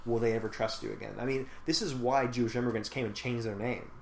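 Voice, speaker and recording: In an echoey room with faint background noise, a podcast host with a creaky, medium-pitched voice speaks quickly with fairly even intonation. He chats casually and thoughtfully about a film, going on at length and using lots of fillers.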